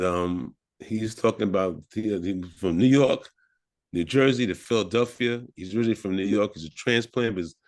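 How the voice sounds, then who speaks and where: Male meetup host, low voice, friendly, on a video call. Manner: friendly, calls on people by name. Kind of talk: hosting an online networking meetup.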